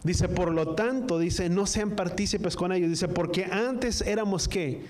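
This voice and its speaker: A male preacher with a slightly raised pitch leads a sermon, drawing out each line of scripture. He keeps turning to the congregation with questions and asks them to say the words back to him. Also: darkish tone. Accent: Spanish-speaking, from the US-Mexico border. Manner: call-and-response, asks the congregation to repeat after him; reads scripture slowly, line by line. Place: church service, also streamed online.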